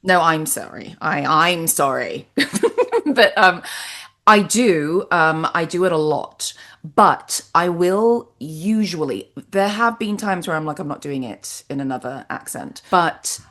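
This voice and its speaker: A woman from Nigeria hosting a casual interview, expressive and quick to laugh. Her voice sits a little low but swings widely in pitch. She tells her stories with animated quoted lines. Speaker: host.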